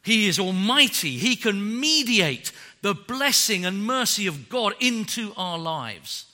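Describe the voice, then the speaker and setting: Bright-voiced, lively preacher. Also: male voice, high-pitched, slow, in a large hall. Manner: animated, joking, often laughing. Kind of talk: sermon.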